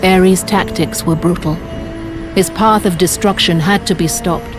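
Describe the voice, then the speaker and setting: A woman's voice: on the low side, steady tone, over music, lightly acted. A woman voicing Athena, solemn goddess. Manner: measured and solemn. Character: calm, stately goddess, female. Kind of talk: video game cutscene acting. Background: orchestral score.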